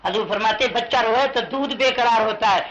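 A man preaching a fiery sermon to a crowd in a rhythmic, rhyming cadence, calling the listeners to answer him and rising into impassioned shouts. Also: sits high. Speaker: Islamic preacher. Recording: dull lo-fi 1982 tape of a live gathering.

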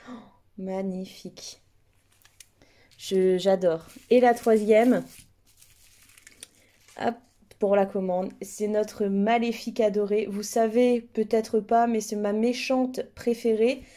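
A woman's voice: medium pitch, steady tone, takes it slowly, pauses often, mellow. A woman chatting casually through an unboxing in an effusive, admiring way, her mouth numb from the dentist so that speech is slightly impeded. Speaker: host of unboxing videos.

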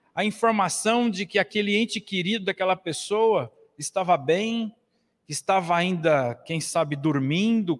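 A Brazilian man in his forties delivers an earnest spiritist lecture, gesturing widely at a lectern. His voice sits high for a man. The stand mic picks him up in a small hall with a long, ringing reverb. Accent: Brazilian Portuguese. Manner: earnest, preaching with wide gestures.

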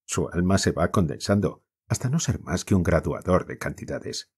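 A male audiobook narrator with a Spain accent reads a classic novel in a measured, declamatory manner. His voice is low with a husky edge. The pitch rises and falls with lively expression.

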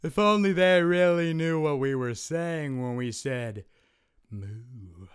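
A man's voice: fairly high pitch, unhurried, clean tone. Young man switching between impression voices. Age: 20s. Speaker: impressionist host. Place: small home room. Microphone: close studio microphone with pop filter.

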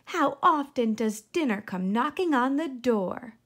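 A woman's voice: high-pitched, lively intonation, unhurried, fairly bright tone, exaggerated voice. A woman voicing a bossy, hungry, short-tempered male fox villain in a children's storybook, gloating and growling. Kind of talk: children's storybook read-aloud.

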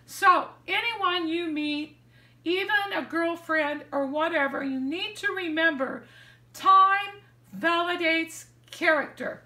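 This older woman's voice is high and bright, and she takes her time telling a story. A vlogger offering dating advice, she speaks casually to camera from an armchair in her living room, animatedly acting out quoted lines with hand gestures, and the room echoes.

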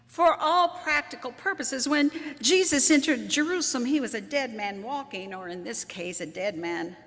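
A woman pastor delivering a sermon, emphatic and animated, with wry asides. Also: on the high side, moderate pace. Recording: long church reverb.

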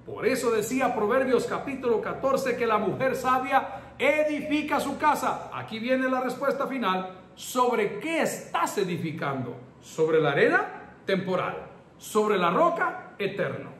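A man's voice: extremely high pitch, big pitch swings, measured pace, a bit bright. Emphatic pastor in his fifties. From El Salvador. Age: 50s. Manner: emphatic, rhythmic call-and-response preaching. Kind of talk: sermon. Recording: echoey room with faint noise.

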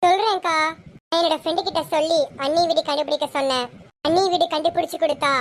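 A performer playing a timid, sweet young sister in a serial parody skit, soft and pleading. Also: very high-pitched, fairly even intonation, quick pace, a little hiss or hum.

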